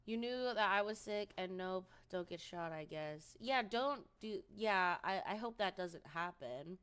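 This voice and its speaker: A woman streamer with a mid-range, slightly bright voice talks slowly but animatedly, her tone clear and resonant. She's getting over a cold and chats casually with viewers on a live stream, rambling with plenty of ums and likes.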